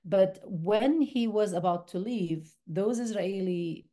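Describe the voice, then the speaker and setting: Her voice slow, medium-pitched and dark, a West Bank documentary filmmaker gives thoughtful interview answers and repeatedly restarts her sentences. The setting is a university screening room.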